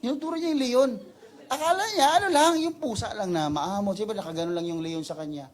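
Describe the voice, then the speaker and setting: Pastor preaching a story. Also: male voice, fast talker, some chatter behind. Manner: storytelling preacher, mixing Tagalog and English, pitch rising sharply in dramatic parts. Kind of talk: sermon.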